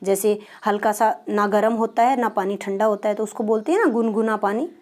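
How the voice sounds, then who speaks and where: A woman's voice: medium pitch, a little fast, a little mellow. Patient woman teacher explaining a lesson. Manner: patient, asks and answers her own questions.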